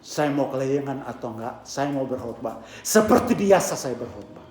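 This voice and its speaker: A male pastor preaching a sermon with a hoarse voice, swinging from hushed tones to shouting and mixing English phrases into his talk. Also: mid-range voice, expressive, normal speed, roomy sound, a little hiss or hum. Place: church.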